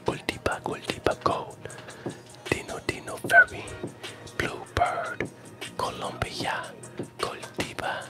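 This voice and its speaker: Loud music plays beneath a slow, heavily paused ASMR live stream hosted by a man in his forties. He whispers and repeats trigger words and phrases and chats casually, sitting close to a stand-mounted handheld recorder with a foam windscreen in a small home room with a gaming screen.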